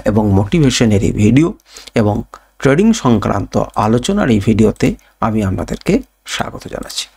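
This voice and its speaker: A man's voice: mid-range voice, vocal fry, darkish tone, breathy edge. A man teaching trading, who poses rhetorical questions and answers them himself, repeating key points with a Bengali accent. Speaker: trading educator. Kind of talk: spoken tutorial.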